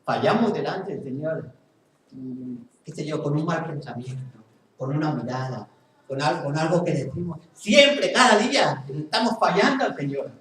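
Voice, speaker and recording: A man's voice: fairly high pitch, expressive, moderate pace, fairly bright tone. A male pastor with a Spain Spanish accent preaching earnestly in a church hall, repeating phrases for emphasis. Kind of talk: sermon. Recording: very echoey hall, mic far off.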